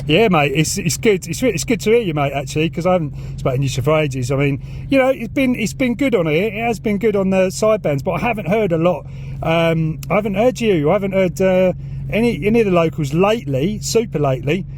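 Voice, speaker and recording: Standing by his parked car outside, a YouTube vlogger with a southern English accent shows off his CB radio and talks over it. His high-pitched voice is brisk with lively intonation, and his matey, enthusiastic chat carries over a noisy background.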